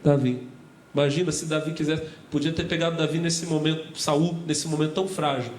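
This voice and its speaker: A Brazilian Portuguese-accented man preaches to his congregation, speaking in a fairly high voice and calling them brothers as he tells a story. He acts out the voices of the story's people. The sound is roomy, with the echo of a church hall and a faint hum of ambience behind him. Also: steady tone, fairly quick. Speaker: pastor. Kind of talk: sermon.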